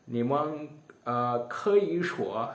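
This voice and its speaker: An Indian-accented man explains things to viewers in a language that is not his own. He speaks at a very slow, halting pace, repeating words and reaching for English terms. His pitch moves up and down a lot, and the room around him sounds echoey. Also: lively intonation. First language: not Chinese, a learner. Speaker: video presenter. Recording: roomy, echoing sound.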